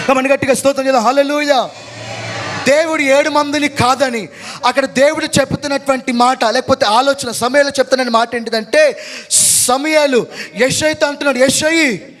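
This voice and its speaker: A male pastor preaching a call-and-response sermon, urging his congregation to repeat phrases loudly and breaking into shouted hallelujahs. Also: very high voice. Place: church service.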